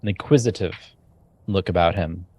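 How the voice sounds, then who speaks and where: Low husky game master. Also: male voice, moderate pace, a little mellow, no echo. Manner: laid-back, jokey asides. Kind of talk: casual tabletop narration.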